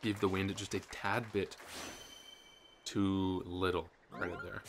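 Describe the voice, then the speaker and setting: A man's voice: deep voice, little pitch movement, slow pace, background noise. A man giving chatty, upbeat play-by-play commentary on his own game, with some gamer slang. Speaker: gaming channel host. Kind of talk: casual gameplay commentary. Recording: game music behind voice. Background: game music.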